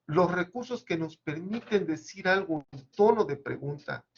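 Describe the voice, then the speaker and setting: A man giving an academic seminar presentation, measured and explanatory with occasional hesitations, on a dull lo-fi recording. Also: fairly high pitch, lively intonation, vocal fry, slight background noise.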